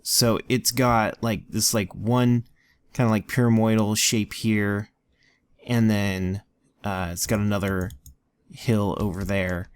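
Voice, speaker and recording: A man's voice: fairly low pitch, little pitch movement, slow pace, clean tone. A man casually narrating a tour of a game world, rambling with lots of ums and likes. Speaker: let's play co-host. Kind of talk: casual gameplay commentary.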